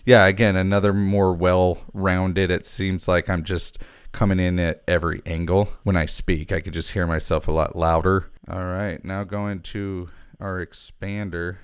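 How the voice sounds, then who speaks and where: A man's voice: deep voice, little pitch movement, a little slow, clean tone, dry recording, studio quality. A man hosting a casual audio gear demo, thinking aloud in a loose, chatty way. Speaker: host.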